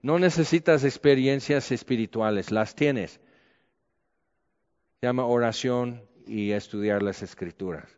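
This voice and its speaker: A man with a Mexican accent preaching a conversational sermon, candid and colloquial with lively asides. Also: medium pitch, measured pace. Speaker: pastor. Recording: echoey hall, dull lo-fi sound.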